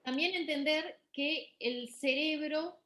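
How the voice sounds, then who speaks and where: A woman's voice: high voice, slow pace, bright, forceful tone, rough recording. A middle-aged woman giving a university lecture on music therapy, explaining patiently with fillers and restarts.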